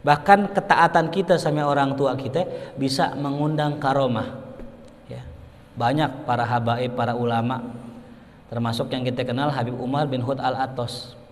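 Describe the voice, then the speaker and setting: A man's voice: medium pitch, moderate pace. Preaching man in an echoing hall. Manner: storytelling with sudden loud excited rises. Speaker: Islamic preacher. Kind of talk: sermon. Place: mosque hall. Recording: reverberant hall.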